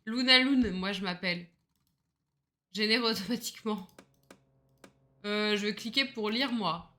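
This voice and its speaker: A bright, sharp-toned woman chats away on a gaming livestream. She rambles and mocks herself, laughs a lot and swears without a second thought. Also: medium pitch, measured pace. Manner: rambling and self-mocking, laughs often, swears casually. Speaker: streamer. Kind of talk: casual gaming livestream chat.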